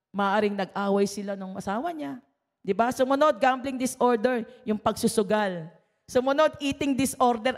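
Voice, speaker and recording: Woman pastor, somewhat high voice, chatty sermon full of tag questions, heard with hall reverb. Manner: conversational preaching, often adds tag questions.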